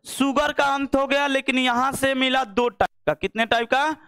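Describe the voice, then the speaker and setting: A man's voice: extremely high pitch, moderate pace, bright, forceful tone, clean tone, no echo, studio quality. A young man teaching a biology lesson, asking questions and repeating the answers again and again. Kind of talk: classroom-style biology lesson.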